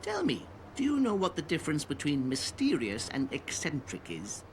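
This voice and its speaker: A man's voice: fairly high pitch, huge pitch swings, normal speed. An actor playing a talkative, teasing old cat man in a video game, with a theatrical, chiding, probing manner. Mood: teasing, needling. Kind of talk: English video game voice acting. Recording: clearly noisy game audio with ambience.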